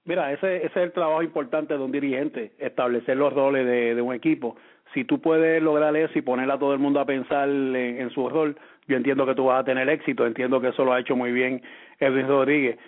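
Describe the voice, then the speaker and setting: Puerto rican man on a tinny line. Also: medium pitch. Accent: Puerto Rican Spanish. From Puerto Rico. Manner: restarts and repeats words, thinks aloud. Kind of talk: casual sports talk.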